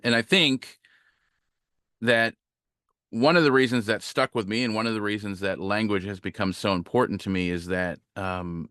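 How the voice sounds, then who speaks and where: A man giving a relaxed, conversational guest sermon as a minister, reflective and full of small fillers and restarts. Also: on the low side, no echo, clean studio sound. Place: online talk, home setup.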